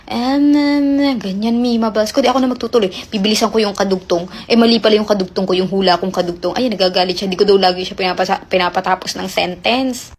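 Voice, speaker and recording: Fast-talking chatty woman telling a story. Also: a little high, husky. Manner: chatty, rambling, many fillers. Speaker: caller sharing a relationship story. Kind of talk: casual confessional storytelling.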